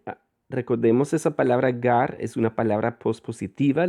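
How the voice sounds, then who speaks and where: A man teaching a guided reading lesson in Koine Greek, parsing each word slowly and deliberately, with frequent fillers and self-corrections. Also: mid-range voice, mellow. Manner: slow, deliberate, parses words aloud.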